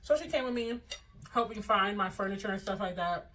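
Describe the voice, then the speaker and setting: A young woman vlogger chats casually in a slangy, animated way, sharing personal stories and advice and often acting out dialogue. Her medium-pitched voice runs a little fast, and she's far from the mic.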